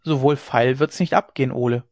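A man reading the part of a stern, worried middle-aged dike reeve in a grave, measured voice. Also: medium pitch, a little mellow, dry recording, lightly acted. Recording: dry, dull lo-fi recording.

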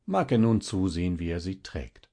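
A man's voice: deep voice, big pitch swings, normal speed, mellow, exaggerated voice. A man voicing a poor, distressed peasant mother who pleads in a tearful, whining way. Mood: wondering.

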